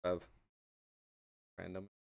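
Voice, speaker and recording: A young man hosts his own podcast solo, chatting casually and wandering off on tangents. He speaks slowly with a darkish tone.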